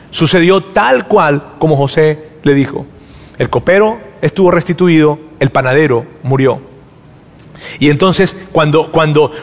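High-voiced pastor preaching in a hall. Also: male voice. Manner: animated storytelling, acting out dialogue, frequent repeated words. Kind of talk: sermon.

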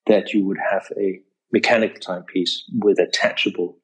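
A man in his fifties from Denmark, a guest on an interview podcast, speaking in a measured, hesitant way with many fillers. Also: deep voice, little pitch movement, rough recording. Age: 50s. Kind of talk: casual interview.

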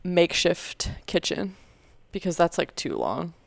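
A woman's voice: fairly low pitch, sing-song, measured pace, creaky, no room sound. A young woman co-hosting a podcast, chatting casually with lots of fillers and easy laughter. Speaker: podcast co-host. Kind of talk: casual chat.

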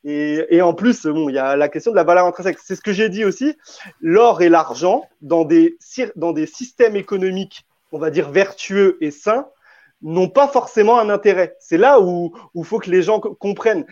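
A man's voice: high-pitched, normal speed, a little mellow, no echo. A man arguing in a debate, hesitant, often restarting and repeating words. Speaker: debate panelist. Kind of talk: spontaneous debate argument. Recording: dull, dry lo-fi audio.

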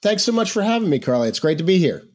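A man's voice: on the high side, sing-song, fast. A man giving conversational expert commentary as a podcast guest, informal and explanatory, checking in as he goes. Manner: informal, explanatory, checks in with "right?" and "you know". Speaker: podcast guest, financial policy advocate.

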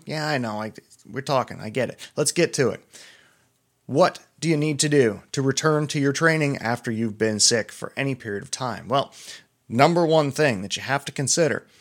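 A middle-aged doctor from Pennsylvania hosts a casual solo podcast, chatty, self-deprecating and prone to wandering off on tangents. His voice sits in the mid-range with a fairly bright tone.

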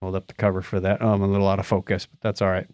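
The voice is low-pitched and a little mellow, rapid-fire and completely flat in delivery, captured as a dry, clean studio recording. It belongs to a middle-aged or older podcast co-host casually rambling through movie and book reviews while searching for names.

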